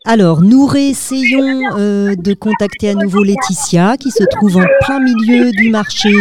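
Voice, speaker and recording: A woman's voice: medium pitch, unhurried, noisy background. A woman hosting a live school web radio show, patient and hesitant, with many fillers.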